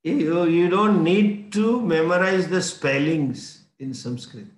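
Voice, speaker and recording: A man with an Indian English accent teaching a scripture class, explaining slowly and often chuckling. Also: on the high side, roomy sound. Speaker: spiritual teacher.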